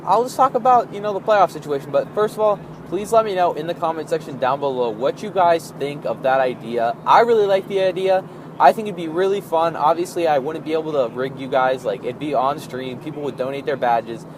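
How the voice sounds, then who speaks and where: A young adult man giving casual, rambling gameplay commentary as a video host, often repeating and rephrasing himself in an informal way. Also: medium pitch. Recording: clearly noisy background.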